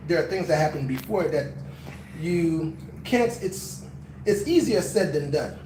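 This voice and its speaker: A man's voice: a little high, a little mellow, recorded from a distance, a little hiss or hum. A man in casual chat who explains fitness topics at length, leaning on fillers like "kinda.". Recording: echoey room, voice set back from the mic.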